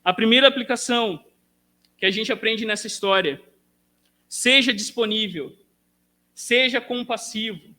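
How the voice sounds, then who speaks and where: A man's voice: high-pitched, unhurried, pauses often, pushed and bright. A male pastor with a Brazilian Portuguese accent, preaching a sermon with rising emphasis and direct questions to the congregation.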